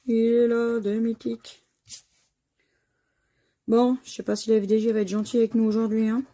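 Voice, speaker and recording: A French woman runs a scratch-card channel, chatting casually while she scratches lottery tickets and spells out letters one at a time. Her voice is on the high side with a dark tone, fairly flat in pitch, at a normal speed.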